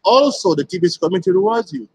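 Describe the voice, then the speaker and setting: A man with a somewhat husky, slightly high voice talks through a live broadcast to his community. He keeps posing rhetorical questions and answering them right away, in a steady explanatory tone. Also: racing, rough recording.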